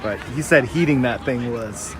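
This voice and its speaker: Outdoors next to a sports field, a soccer spectator chats casually in a mid-range voice at normal speed, with the crowd and city traffic audible around him.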